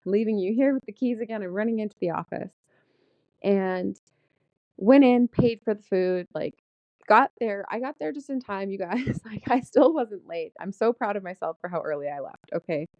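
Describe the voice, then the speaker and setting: A woman in her thirties, a vlogger telling a story in casual chat, animated and laughing often as she talks. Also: mid-range voice, moderate pace, no room sound, muffled recording.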